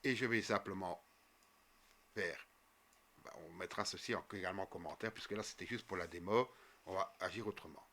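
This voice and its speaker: A man walking viewers through a coding tutorial step by step as he types, with frequent fillers and quick self-corrections. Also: low voice, pushed and bright, slight background noise. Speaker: programming tutor. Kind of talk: screen-recorded coding tutorial.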